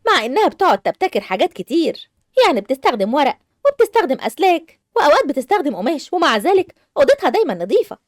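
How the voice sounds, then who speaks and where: A woman's voice: high voice, very animated, racing, no room sound, studio quality. A woman with an Egyptian accent playing a mother who scolds and nags her daughters in a game movie. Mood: scolding. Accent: Egyptian Arabic. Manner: scolding, nagging.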